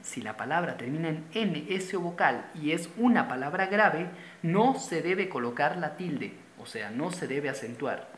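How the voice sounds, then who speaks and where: A man's voice: a little high, lively intonation, unhurried, a bit bright, slight background noise. A man from Venezuela, teaching a grammar lesson patiently, repeating key terms and pointing at a board. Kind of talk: classroom-style grammar lesson. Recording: roomy echo.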